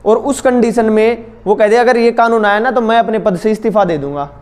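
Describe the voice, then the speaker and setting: A man's voice: high-pitched, brisk, darkish tone. A young man teaching a school class, explaining terms step by step and asking his students questions. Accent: Hindi-English mix. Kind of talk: classroom lecture.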